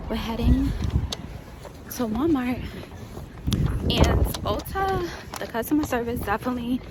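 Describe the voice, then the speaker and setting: A woman's voice: on the high side, animated, a little slow, very noisy. A young woman from Queens, New York, with a New York accent, chatting in a rambling, casual way as she vlogs her errands. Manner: chatty and rambling, talks straight to her followers. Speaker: vlogger. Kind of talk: casual shop-along vlog.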